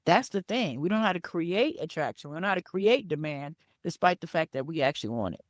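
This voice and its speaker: A woman's voice: sits low, lively intonation, fast talker, no room sound, clean studio sound. A woman hosting a solo business podcast, stressing her points and checking in with "right?" and "okay?". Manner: emphatic, repeats key points with "right?" and "okay?". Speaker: podcast host and business coach.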